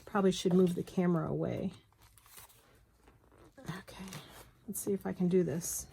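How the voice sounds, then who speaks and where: Speaking low, steady and at a moderate pace, a woman with a dark, creaky voice and a breathy edge demonstrates bookbinding. Her tutorial is casual and hands-on, full of chat, self-talk and apologetic asides, recorded on a phone camera close by.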